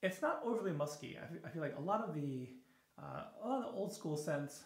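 A man in his thirties, slightly tired in the evening, chats casually through a shaving product review in his small home bathroom, restarting and using fillers often. His voice is a little high and brisk, with lively intonation. It's captured at close range by a camera on the counter, with the bathroom's echo audible.

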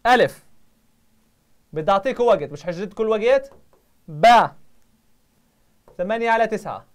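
A man with a Jordanian Arabic accent teaching a live online math review, firing quick questions at his students. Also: high-pitched, animated.

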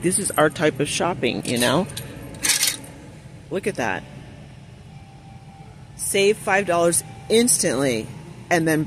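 A man's voice: on the high side, a little hiss or hum. A man vlogging as he shops. He gushes over items and reads out prices and deals while walking a store aisle, filming on a handheld phone. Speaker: shopping vlogger. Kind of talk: shop-with-me vlog narration. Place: aisle of a discount store, indoors. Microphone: handheld phone camera.

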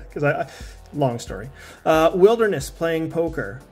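A man's voice: fairly high pitch, expressive, a little slow, a little mellow, soft background music. A man in pain and a little out of breath, chatting in a rambling way while he unboxes collectibles as a vlogger. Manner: chatty, rambling, with many restarts and fillers. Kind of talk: casual unboxing talk.

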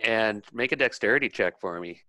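A man's voice: on the low side, animated, brisk, pushed and bright, dry recording. A man narrating a tabletop role-playing game as game master, in a loose chatty way.

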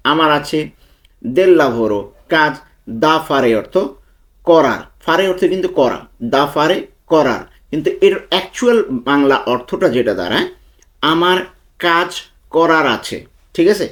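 A man teaching a language lesson, breaking each phrase into words and repeating them patiently. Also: on the high side. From Bangladesh. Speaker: language tutor. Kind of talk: slow spoken language lesson.

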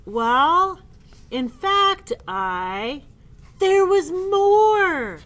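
A woman voicing a big, gloomy male elephant in a storybook read-aloud, wailing loudly and drawing out his words. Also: extremely high pitch, very animated, extremely slow, pitched above the performer's own voice, full character voice. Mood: mournful.

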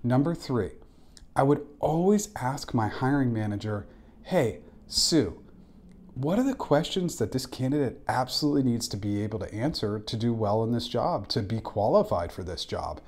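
A man in his forties, a former recruiter working as an interview coach, gives instructional advice to camera in a small indoor room. His mid-range voice is a little mellow, with lively intonation and normal speed, and he turns direct and emphatic on key points.

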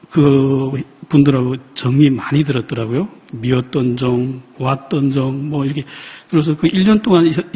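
A man from North Korea, a missionary preacher, giving a personal testimony sermon in a large church, reflective and halting, with many pauses and fillers. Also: mid-range voice. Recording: dull, reverberant church hall sound.

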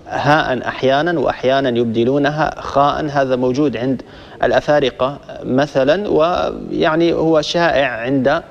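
A man teaching a Quran recitation lesson, explaining in a measured way and stopping to demonstrate letter sounds. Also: medium pitch, lo-fi sound. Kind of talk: tajweed lesson to listeners. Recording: long reverb, hall-like echo.

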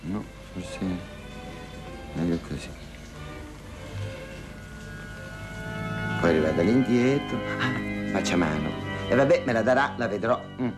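This lowish male voice has lively intonation and a normal speed, sounding close to everyday speech, with loud music playing behind it. He acts out a theatrical phone monologue as a lonely, wry older woman hiring a dance partner, gossiping, haggling, sighing, and complaining. The mood here is reflective.

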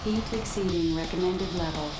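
A woman's voice: lowish voice, normal speed, lightly acted. A woman voicing an overheating mech's computer alert. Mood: urgent warning. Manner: flat, clipped automated warnings. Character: female mech onboard computer warning of overheating. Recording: echoey game audio over loud music. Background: loud game music.

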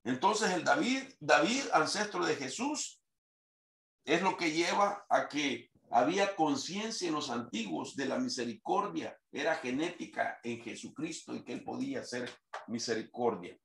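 A man's voice: a little high, expressive, measured pace, vocal fry, a bit bright, echoey room. A man preaching a sermon, quoting scripture in a raised reading voice. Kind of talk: sermon teaching.

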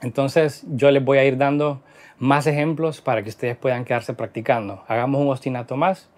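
A man's voice: mid-range voice, fairly even intonation, moderate pace. A man teaching a guitar lesson in Spanish, explaining rhythm patterns and counting beats aloud as he plays. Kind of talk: instructional lesson. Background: guitar playing.

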